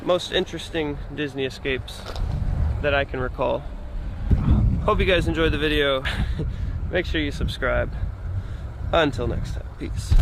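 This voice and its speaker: A man with a fairly high voice tells a story in loose, casual vlog fashion, laughing as he goes and jumping way up in pitch when he acts out what his friends said. Faint car and street noise sits behind him outdoors. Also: a little slow, vocal fry, pauses often. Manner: animated, laughs often, jumps high when quoting friends. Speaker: vlogger.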